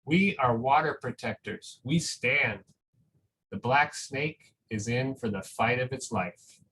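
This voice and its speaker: Addressing school families, a man reads a picture book aloud with casual commentary, staying warm and chatty and frequently asking "right?" His mid-range voice is expressive, slow, pushed and bright, heard through a low-quality recording full of background noise.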